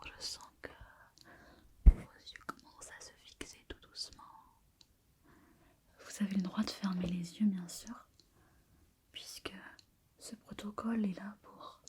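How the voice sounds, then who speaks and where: A woman in a whispered role-play as a gentle sleep doctor, hushed and quiet as if at night, soothing and lulling as she softly repeats words. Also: mid-range voice. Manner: hushed, quiet night-time bedtime delivery.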